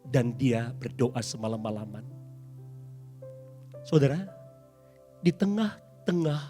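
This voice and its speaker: A middle-aged man preaching a sermon as pastor in a church, dramatic and animated, with sudden loud highs. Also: slow, faint music behind.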